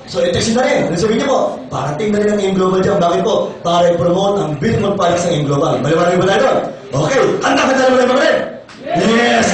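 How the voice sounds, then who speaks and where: A middle-aged man with a Filipino accent speaks in a high, hoarse voice. He is energetic and playful, forever asking the crowd to answer back. His voice is distant, and a big, echoing hall swallows it, with faint room noise behind. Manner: energetic, playful, often asks the crowd questions. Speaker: company doctor giving a sales seminar. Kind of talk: lively seminar talk to a live audience. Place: large seminar hall.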